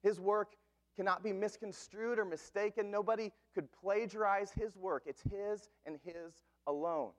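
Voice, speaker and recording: Pastor in his thirties, high tenor; earnest, emphatic sermon delivery. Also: fairly even intonation. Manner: earnest, emphatic preaching with slow stressed phrases.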